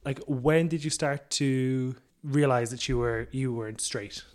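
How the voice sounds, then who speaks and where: A man's voice: medium pitch, measured pace, darkish tone. A man hosting a documentary interview podcast, asking questions with frequent restarts and hesitations. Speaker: podcast host.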